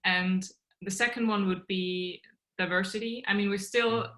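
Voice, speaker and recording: A young adult woman from Austria, German by first language, co-founded a startup and is earnestly walking through her work while answering podcast interview questions. She's on a video call in a small bedroom at home, speaking at a measured pace in a medium-pitched, steady, fairly bright voice.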